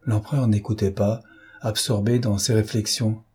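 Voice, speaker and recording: A man narrating a novel as an audiobook in a measured, literary way. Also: on the low side, little pitch movement, darkish tone, slightly rough. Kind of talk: scripted storybook narration.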